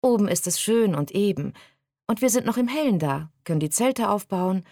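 A woman putting on a brisk, cheerful girl hiker. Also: mid-range voice, lively intonation, mellow, no echo, studio quality, voice pushed up. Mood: explaining. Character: brisk upbeat girl hiker, map reader.

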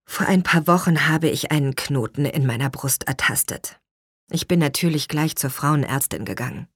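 A woman's voice: deep voice, moderate pace, slightly rough, dry recording, clean studio sound. A woman voicing the narrator's reserved adult sister in an audiobook, matter-of-fact and restrained. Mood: subdued. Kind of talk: audiobook reading.

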